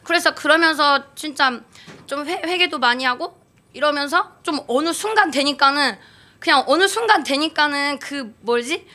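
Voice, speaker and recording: A woman's voice: high voice, normal speed, sharp tone. A woman in her thirties giving a rambling church testimony, with many fillers and restarts. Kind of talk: spontaneous testimony talk. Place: church gathering.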